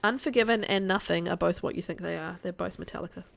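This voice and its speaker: A woman's voice: on the low side, fast talker, vocal fry, fairly bright tone. A woman with a mild New Zealand accent, chatting casually and jokily as she streams a game live. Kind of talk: casual livestream chat over gameplay.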